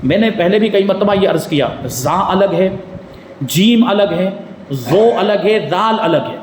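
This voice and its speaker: A man teaches a religious lecture, pausing to ask his listeners rhetorical questions. His voice sits high for a man. The sound carries the roomy, long echo of a mosque hall with faint ambience behind it. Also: animated, darkish tone, a little hiss or hum. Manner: explanatory, asks the audience rhetorical questions. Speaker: mufti teaching Quran commentary.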